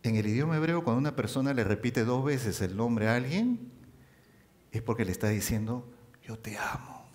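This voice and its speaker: Lively-pitched male preacher. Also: a little fast. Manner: animated, rising and dropping for emphasis. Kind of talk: sermon.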